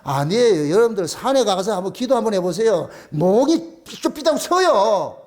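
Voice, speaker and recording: Male pastor, Gyeongsang accent, high lively delivery, folksy rhetorical sermon. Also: normal speed. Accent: Gyeongsang dialect. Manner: animated, colloquial preaching full of rhetorical questions.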